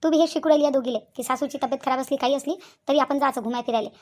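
A woman's voice: high voice, rapid-fire, a little mellow, natural voice. A woman with a Vidarbha Marathi accent voicing an ailing, complaining old mother-in-law who grumbles and scolds in a cartoon. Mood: scolding. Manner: grumbling, self-pitying, scolding. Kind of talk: cartoon voice acting.

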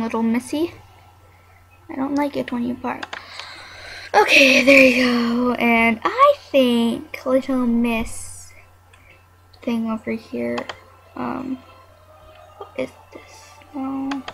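A woman's voice: a little high, gravelly, a bit bright, husky. A young woman chatting casually while playing a life simulation game, scolding her barking dog now and then, with keyboard clicks behind her. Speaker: gameplay narrator.

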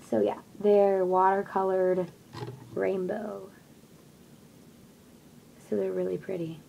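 Filmed up close on a desk webcam in a poster-covered bedroom, a young woman chats about her shopping haul, filling her rambling with lots of fillers. She speaks slowly at a medium pitch with a level, creaky tone, and the lo-fi audio carries slight background noise.

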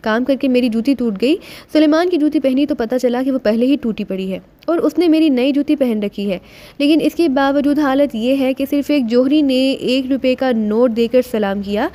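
A man's voice: extremely high pitch, dark tone. A woman voicing a witty male secret agent in an audiobook, joking and mock-respectful.

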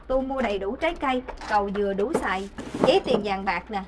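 An actress playing a nagging, devout housewife in a stage comedy sketch. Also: female voice, mid-range voice, expressive, fast talker, very noisy, close to an everyday voice. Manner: nagging, then hushed prayerful murmur.

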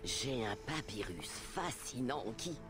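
A woman playing a shrewd, secretive antiquarian in a video game, with a hushed, wary, urgent manner. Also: very deep voice, very animated, slow pace, loud music behind the voice, heavily acted. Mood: intrigued, cautious. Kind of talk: video game drama acting.

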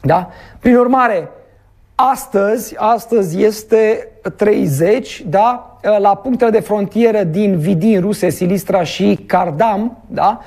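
A man's voice: sits high, a little mellow. A man hosting a podcast, ranting about politics in blunt, colloquial speech with many fillers. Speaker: podcast host.

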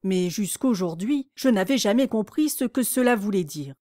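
A woman voicing a curious, thoughtful young girl who muses quietly to herself. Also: mid-range voice, expressive, normal speed, no echo, clean studio sound, lightly acted. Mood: musing.

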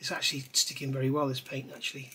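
A middle-aged man talks fast in a medium-pitched voice, with slight background noise, as he explains a scale model build. Recorded from above at his indoor hobby bench, he keeps things relaxed and rambling, chatting while he works.

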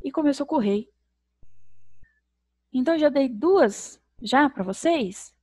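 Brazilian woman, primary teacher, slow lively sing-song delivery, spells out syllables, dry room. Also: high voice, no echo. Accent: Brazilian Portuguese. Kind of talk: recorded video lesson for young children.

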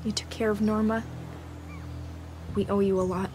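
An actress playing a grateful young adult female survivor in a video game. She speaks softly and sincerely. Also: medium pitch, flat delivery, moderate pace, over music, close to an everyday voice.

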